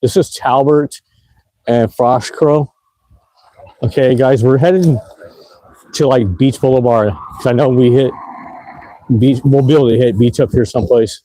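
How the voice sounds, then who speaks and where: Man, rambling, filler-heavy, mellow tone, dry sound, mic on a moving bike outdoors. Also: medium pitch, measured pace, long pauses, no echo, low-quality recording. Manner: rambling, laid-back, lots of fillers and laughs. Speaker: e-bike vlogger. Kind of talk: casual livestream narration while riding. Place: outdoors on city streets at night.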